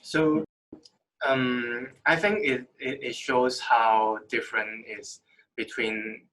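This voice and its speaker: A man hosting an interview, asking questions in halting phrasing as he searches for words. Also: medium pitch, steady tone, pushed and bright, poor audio. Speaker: interview host.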